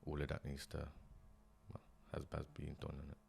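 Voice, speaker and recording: A young man with a low voice talks in a relaxed interview. His speech is slangy and earnest, full of small restarts and tag questions. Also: moderate pace, gravelly, a little hiss or hum. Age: young adult. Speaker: guest, property investor. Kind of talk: casual interview chat.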